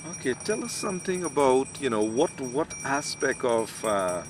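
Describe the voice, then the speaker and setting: A man hosting an interview, asking questions in a measured way with hesitant restarts. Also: medium pitch, sing-song. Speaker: host. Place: outdoors, in hills. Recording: noisy outdoor recording.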